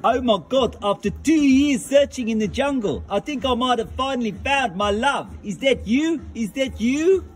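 A man's voice: very high voice, expressive, normal speed, few pauses. A man playing an overwrought doll husband lost on safari in a comic skit, talking theatrically over faint music. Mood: frantic.

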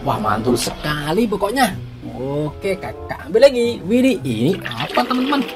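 A woman's voice: lowish voice, very animated, normal speed. Casting: female kids' toy video host, very swoopy delivery, playful party-magician exclamations, music behind. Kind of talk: scripted-sounding kids' toy reveal narration with magic-word exclamations.

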